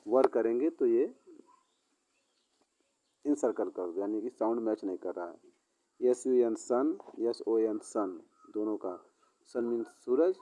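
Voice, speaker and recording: A man teaching a school English lesson, explaining words in Hindi and reading English sentences haltingly. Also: mid-range voice, dark tone, a little hiss or hum. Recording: dull lo-fi sound.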